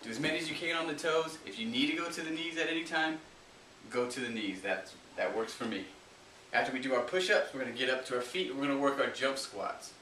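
A man's voice: medium pitch, fast talker, pushed and bright, distant mic. A man working as a fitness trainer, talking through a home workout with coaching cues. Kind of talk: workout instruction. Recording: roomy echo, off-mic, faint hiss.

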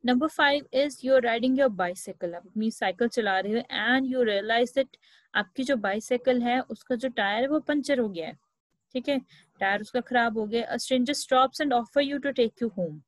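Indian woman teacher for a children's lesson; unhurried, quizzing the class, slightly high voice. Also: no room sound, low-quality recording. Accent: Indian English. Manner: asks the class questions, mixing Hindi and English.

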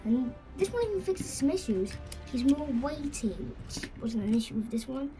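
High-pitched voice, rambling toy reviewer. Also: very animated. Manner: rambling, halting, self-interrupting. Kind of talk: casual unscripted toy review vlog. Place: indoors, small tabletop green-screen setup. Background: music, occasional scratching from headphones.

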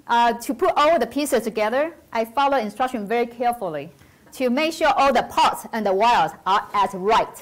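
A woman from Taiwan in her forties with a Taiwanese accent, giving a careful, earnest prepared talk as a nursing professor on an auditorium stage. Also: fairly high pitch.

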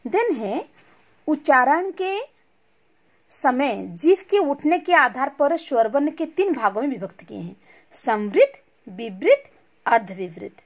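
A woman's voice: sits high, sing-song, takes it slowly. A woman teaching a recorded lesson, asking questions and answering them herself, mixing in English words. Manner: mixes English words into Hindi.

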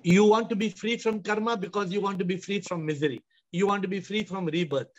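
Brisk and high-voiced, a man in his fifties with an Indian accent hosts a question-and-answer spiritual discourse, serving as its teacher and hammering home repeated rhetorical questions. The video call audio is dull and compressed.

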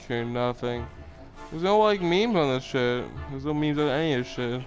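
A man's voice: mid-range voice, normal speed. A man giving casual, rambling, profane gameplay commentary, his speech slightly slurred by a mouth numb from the dentist. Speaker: video game player hosting an episode series. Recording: game music behind the voice. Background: video game music.

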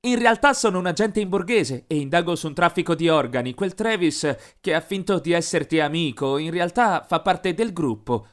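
Calm undercover policewoman, voiced by a man. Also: fairly high pitch, moderate pace, hardly any pauses, natural voice. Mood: reassuring. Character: young woman undercover cop, calm and kind.

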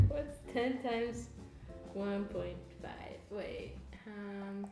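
A woman's voice: mid-range voice, lively intonation, drawn-out words. A young woman hosting a casual vlog, chatting and laughing while making deodorant at a kitchen table, swearing now and then. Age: young adult. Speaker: vlog host. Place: home kitchen table, indoors. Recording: roomy home room with music.

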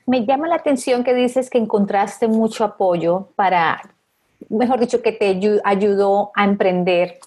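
A woman's voice: mid-range voice, a little slow, warm tone. A middle-aged woman interviewing a guest over a video call through an earphone headset, asking encouraging follow-up questions. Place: home office.

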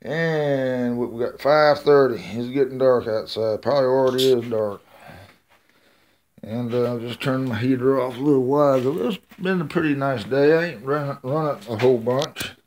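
A man's voice: mid-range voice, normal speed, a little mellow. A middle-aged man, rambling and thinking aloud in a casual vlog while he works on an engine in his home garage, filming with a handheld phone. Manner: rambling, folksy, thinks aloud with many uhs. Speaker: home mechanic vlogger. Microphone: handheld phone camera.

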